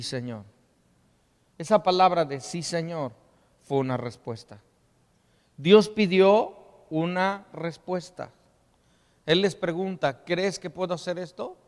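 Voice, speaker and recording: A man's voice: on the high side, unhurried. A man preaching a sermon to his congregation, reading scripture aloud and asking them to repeat phrases after him. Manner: call-and-response preaching, asks congregation to repeat. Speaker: pastor. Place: church hall. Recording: long reverb in a church hall.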